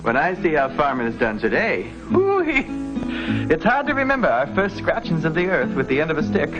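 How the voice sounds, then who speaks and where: An actor playing a folksy, wistful American settler from two centuries ago, telling homespun stories in a scripted historical drama. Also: male voice, a little high, huge pitch swings, a little fast, dull audio, over music. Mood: marveling. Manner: homespun, exclaiming, nostalgic storytelling. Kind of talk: scripted educational drama acting.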